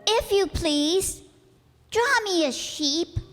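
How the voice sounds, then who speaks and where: A performer playing an odd, solemn little boy in a radio drama, speaking politely, insistently and deliberately. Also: very high-pitched, lively intonation, fairly bright tone, heavily acted. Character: odd little prince, small solemn child from space. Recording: echoey hall, music behind.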